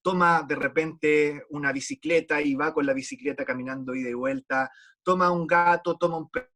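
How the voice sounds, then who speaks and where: A man's voice: fairly high pitch, steady tone, normal speed, pushed and bright. A man preaching a sermon in an earnest, pleading way, often repeating words as he restarts a thought.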